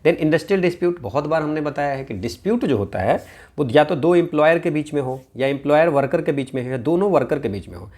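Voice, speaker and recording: Male teacher, mid-high voice, exam-prep lecture, mixes Hindi and English, keeps checking in with the class. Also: expressive, fairly quick, a little mellow. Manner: explains in a mix of Hindi and English, with frequent checks of "है ना?" and "ठीक है".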